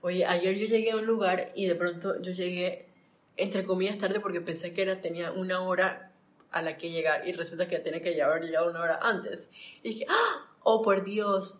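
A woman's voice: lowish voice, steady tone, fairly quick, muffled recording. A woman leading a live-streamed spiritual study class, chatting with viewers and wandering into anecdotes. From Panama. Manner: chatty, warm greetings to viewers, digressive anecdotes. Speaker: spiritual study group leader.

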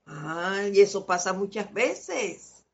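A woman leads a spiritual talk at a slow, unhurried pace, mixing lessons with personal stories. She laughs often as she speaks. The audio is muffled and lo-fi. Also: medium pitch, animated. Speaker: spiritual teacher hosting a live stream. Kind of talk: informal spiritual talk with anecdotes.

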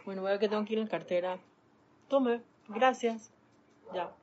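A woman gives a spiritual talk on a live stream, animatedly acting out everyday scenes as she teaches. Her voice is mid-range and darkish, at a moderate pace, and the lo-fi recording sounds dull with faint background noise.

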